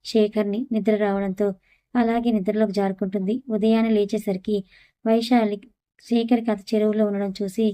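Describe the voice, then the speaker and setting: A woman narrating a family audio story, reading every character's lines and the narration in one even voice. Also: mid-range voice, normal speed, no echo.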